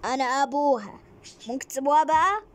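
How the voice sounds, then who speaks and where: A woman's voice: high voice, fast, natural voice. A woman voicing a protective father who firmly questions the kidnappers in a game role-play. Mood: stern worried. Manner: firm, questioning. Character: worried father, protective and stern.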